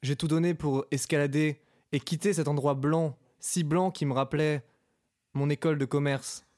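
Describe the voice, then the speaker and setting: A man's voice: fairly high pitch, fairly even intonation, normal speed, darkish tone, natural voice. A man voicing a young schoolboy hero who speaks earnestly and a little plaintively. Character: whiny schoolboy hero stuck in a pit.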